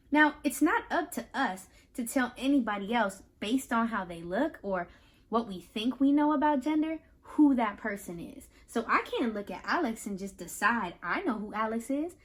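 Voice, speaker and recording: Here a woman with a high, widely varying voice reads a children's picture book aloud, acting as both host and teacher. She explains each point in sequence, stays animated, and speaks straight to her young audience with simple check-in questions.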